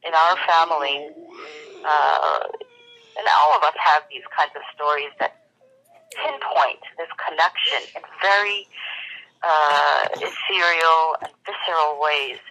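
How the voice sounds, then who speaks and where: Bright-voiced speaker giving a spiritual talk. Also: mid-range voice, animated, slow, gravelly, poor audio. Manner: rambling, many fillers and restarts; reflective, teaching. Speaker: religious speaker. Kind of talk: spiritual talk with a told fable.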